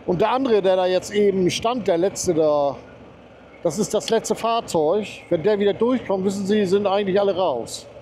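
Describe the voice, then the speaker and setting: A man talks his way through a mountain ride on his motorbike, chatty and easily excited as he comments for his viewers. His voice is mellow and slightly raised, picked up by a helmet mic. A faint hum of engine and wind sits under his voice. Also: high voice, moderate pace. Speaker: motorcycle vlogger. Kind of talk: casual running commentary while riding. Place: on a motorcycle outdoors on a mountain road.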